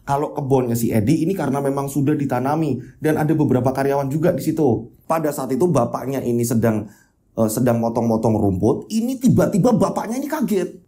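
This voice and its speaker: A man's voice: mid-range voice, dark tone. A man telling a horror story in a chatty, casual way, often tagging sentences with ya kan. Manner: chatty, repeats tags like ya kan.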